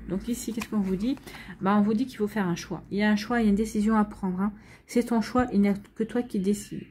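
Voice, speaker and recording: A woman's voice: medium pitch, warm tone, a little hiss or hum. A woman giving a weekly tarot guidance reading, talking straight to viewers in a hesitant way, with many fillers and repeated words. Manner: addresses viewers directly, conversational. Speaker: tarot and astrology reader.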